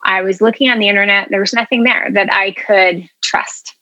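A woman's voice: medium pitch, steady tone, normal speed, pushed and bright, dry recording, rough recording. A woman telling her story as an interview guest, earnest and chatty, with plenty of ums and you-knows. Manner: earnest, chatty, many fillers. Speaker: interview guest, food media founder.

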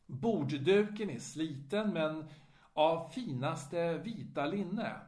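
A man narrating a story in a dramatic, lively way. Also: a little high. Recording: roomy echo.

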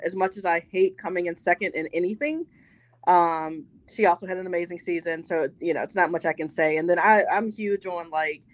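A woman's voice: fairly low pitch, steady tone, fairly quick, no echo. A woman talking in a casual, chatty way about her school days. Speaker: co-host. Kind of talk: casual chat.

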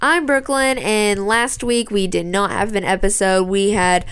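A woman's voice: mid-range voice, steady tone, unhurried, a bit bright, clear, resonant tone. A young adult woman co-hosting a podcast in an upbeat, chatty, casual way. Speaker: podcast co-host.

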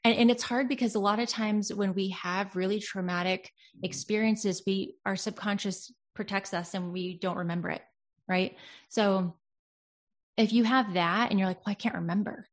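A woman's voice: medium pitch, fairly even intonation, moderate pace. A woman in casual conversation about healing and self-talk, speaking earnestly and reflectively, sometimes slipping into quoted voices. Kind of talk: casual self-help chat.

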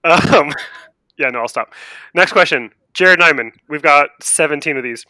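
A man with a bright, forward voice, pitched a little high, recorded close and dry. He hosts a casual talk podcast, reading listener questions and joking in a mock-grandiose way. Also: unhurried, no room sound, poor audio. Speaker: podcast host.

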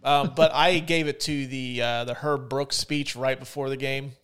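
A man's voice: mid-range voice, fairly even intonation, moderate pace, a bit bright, clean tone. A man hosting a podcast, chatting casually in a loose, profane way and often dropping into mock voices. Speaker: podcast host. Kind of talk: casual chat.

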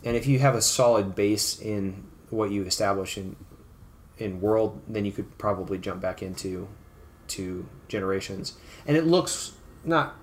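Low voiced guy chatting on a podcast, lots of restarts, bit of noise behind. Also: measured pace. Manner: relaxed, hesitant with restarts and fillers. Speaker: podcast co-host. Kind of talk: casual chat about video games.

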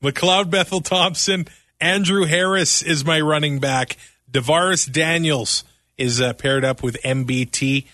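A man co-hosting a sports podcast, excitable and laughing often, nearly losing his voice. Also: a little high, unhurried, no room sound, studio quality. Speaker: podcast co-host. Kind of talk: casual sports chat.

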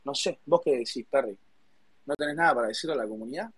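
Host, Rioplatense man, husky, close and dry, sarcastic and mock-offended. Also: mid-range voice, quick pace, no echo. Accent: Rioplatense Spanish. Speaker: host of a live audio space. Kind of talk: heated casual chat.

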